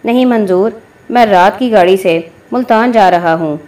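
A woman's voice: mid-range voice, darkish tone, natural voice. A woman voicing a determined male union worker in a story, speaking firmly and curtly. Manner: firm, curt.

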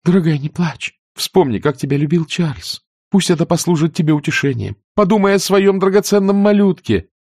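Male actor as a gentle soothing young woman, soft and kind, lively pitch. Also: moderate pace, no room sound, studio quality. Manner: soft, consoling.

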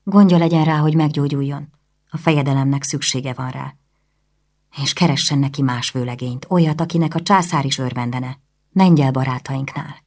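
A woman's voice: rumbling low, a little mellow. A woman reading the lines of a stern, formal older nobleman from a historical audiobook. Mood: urgent. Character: stern departing male lord, older nobleman.

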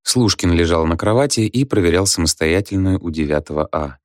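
A man reading a novel aloud as an audiobook narrator, in an even, measured manner. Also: no room sound. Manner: dry, even, low reading.

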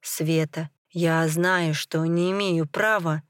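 A woman's voice: low-pitched, steady tone, takes it slowly, clear, resonant tone, no echo, studio quality. Woman doing a guilty young dad in an audiobook, short urgent lines. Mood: remorseful. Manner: terse, pleading. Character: remorseful young father, tense and urgent.

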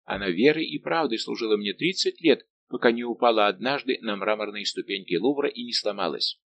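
A man's voice: fairly low pitch, animated, brisk, vocal fry, no echo, heavily acted. Man voicing a teasing, jovial musketeer captain. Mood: persuasive. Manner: warm, bantering and persuasive. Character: lively teasing male musketeer captain, middle-aged.

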